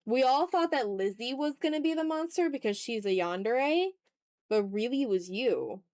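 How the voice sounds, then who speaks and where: Drawing on a livestream, a woman art streamer makes casual chat and teases viewers with playful mock exasperation. Her fairly high voice is expressive and a little mellow at a moderate pace, recorded dry at studio quality.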